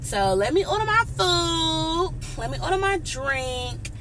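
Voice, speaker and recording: A woman's voice: very high-pitched, expressive, unhurried, a bit bright. Chatty woman vlogging from her car. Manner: upbeat, calls viewers honey and y'all. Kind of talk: casual chatty vlog talk. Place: inside a car. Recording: car noise in the background.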